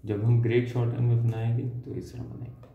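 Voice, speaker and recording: A man teaching a shorthand lesson step by step, slow and patient, trailing off softly as he draws each symbol. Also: mid-range voice, flat delivery, a little hiss or hum. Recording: dull lo-fi sound in an echoey room.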